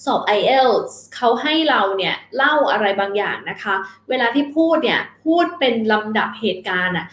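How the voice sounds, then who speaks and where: A woman teaching a vocabulary lesson in a high, light voice, patiently repeating each key word and softening her sentences with polite particles. The sound carries a noticeable room echo. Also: animated, normal speed. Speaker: English teacher.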